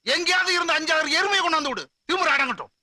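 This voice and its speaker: An actor playing a furious young man who shouts threats at another man's father, over film music. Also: extremely high pitch, expressive, very fast. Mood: furious threatening. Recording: film soundtrack with loud music.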